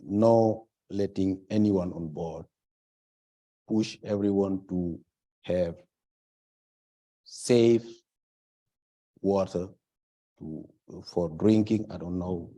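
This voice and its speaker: A man from Senegal delivers panel remarks at an unhurried pace. His voice sits low with a dark, mellow tone. He sometimes stops to search for the right word, then presses his point. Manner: halting, searches for words, stresses key points.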